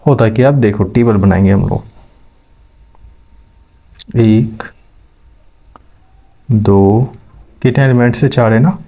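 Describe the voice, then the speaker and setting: Slow, mellow-voiced man teaching maths. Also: on the low side. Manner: slow, step-by-step explaining with check-in questions. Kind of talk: classroom lecture.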